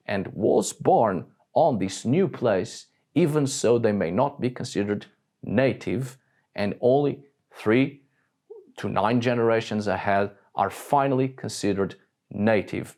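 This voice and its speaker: A video essayist from Portugal, with a lowish and somewhat dark voice, delivers a blunt, scripted monologue. Now and then he swears when something annoys him.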